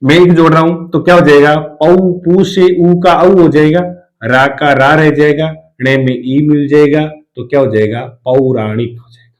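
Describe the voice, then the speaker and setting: Man, lecturer, fairly high voice, repeats rules, rhetorical questions. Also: steady tone, normal speed, poor audio. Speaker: Hindi lecturer teaching spelling rules. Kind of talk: classroom lesson explanation.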